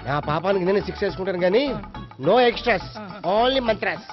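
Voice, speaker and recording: An actor playing an impatient groom who forces a wedding and barks orders in a film scene. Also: male voice, sits high, normal speed, over music, close to an everyday voice. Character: pushy young groom forcing a wedding. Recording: dull lo-fi film soundtrack.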